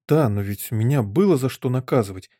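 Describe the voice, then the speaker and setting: A man's voice: medium pitch, expressive, fairly quick, dark tone, dry recording, studio quality, close to an everyday voice. A man voicing an earnest, curious little girl of seven in an audiobook. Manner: earnest, questioning.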